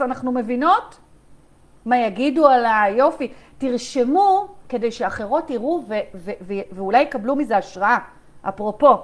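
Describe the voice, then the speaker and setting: Her voice high, a woman runs a live coaching session online and talks right to the people watching. Reading their chat messages aloud, she repeats points emphatically and checks in again and again with "okay?"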